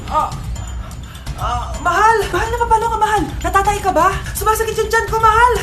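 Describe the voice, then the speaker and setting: Woman doing all the parts in funny skits, super high voice, over-the-top, music playing behind. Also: lively intonation, fairly quick. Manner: shrieky, exaggerated skit acting. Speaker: comedy skit creator. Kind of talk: comic skits playing every role. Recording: roomy echo with background music.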